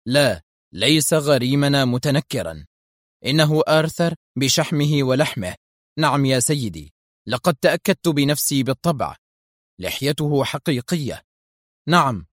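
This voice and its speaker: A man voicing a stern, ruthless male gang leader who gives sharp commands. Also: mid-range voice, lively intonation, normal speed, pauses often, no echo, studio quality, close to an everyday voice. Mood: dutiful.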